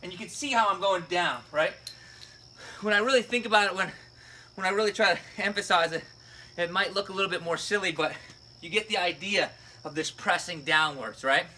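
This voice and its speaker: Man, fitness coach, high bright voice, casual step-by-step explaining, faint outdoor insect hum. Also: fairly quick. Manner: explains step by step, frequent "right?" and "okay?". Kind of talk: casual instructional video.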